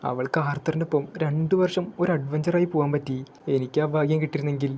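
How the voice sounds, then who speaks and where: A man voicing a shy, warm young woman, an elf princess, in a storybook recap, keeping close to his own voice. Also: on the high side, fairly even intonation, quick pace, slight background noise, close to an everyday voice. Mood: tender.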